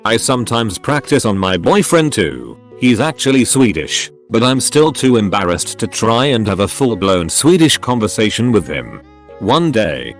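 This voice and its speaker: In a lowish, sing-song voice, a man reads online forum posts aloud one after another, matter-of-fact, with short pauses between them. Faint music plays behind him.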